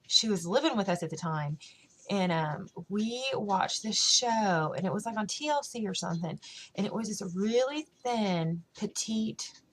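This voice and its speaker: A woman's voice: medium pitch, expressive, unhurried, crowd noise, poor audio. A woman vlogging in casual chat to camera, rambling with lots of fillers.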